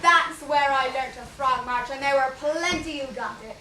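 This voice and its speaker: A woman's voice: sits high, moderate pace, bright, forceful tone. An actress playing a fond mother who tells wistful stories of her past in a stage play. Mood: proud. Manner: wistful, storytelling, quotes others fondly. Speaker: stage actor. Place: theatre stage. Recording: echoey stage miked from far off, light hiss.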